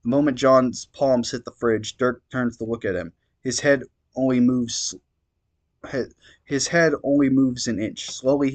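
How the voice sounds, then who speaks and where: A man reading fan fiction aloud, stumbling over words now and then and adding wry asides. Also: medium pitch. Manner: reads steadily, stumbles and adds wry asides. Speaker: reader.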